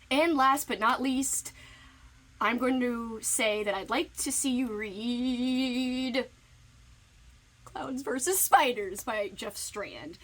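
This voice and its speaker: A woman's voice: a little high, a bit bright, low-quality recording. A woman booktuber giving playful, giggly book recommendations in a casual recorded message.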